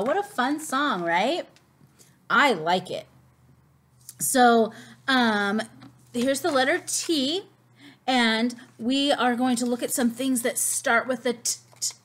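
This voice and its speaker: A woman teaching preschoolers as host of a children's lesson, speaking slowly with exaggerated, cartoonish sing-song intonation. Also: on the high side, fairly bright tone. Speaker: preschool teacher hosting circle time.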